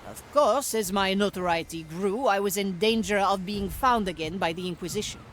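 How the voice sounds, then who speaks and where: A woman's voice: mid-range voice, normal speed, slight background noise, natural voice. A woman voicing a swaggering, sly pirate storyteller in a video game, wry and self-assured. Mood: wry, boastful.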